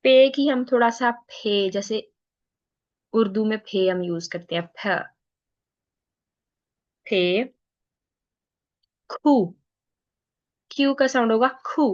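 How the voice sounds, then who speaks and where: Woman teacher for a beginners' class, unhurried and patient, repeats every letter, muffled lo-fi recording. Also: medium pitch, fairly bright tone. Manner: patient, repeats each letter slowly and drawn out. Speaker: language teacher. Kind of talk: slow bilingual lesson, spelling out letters.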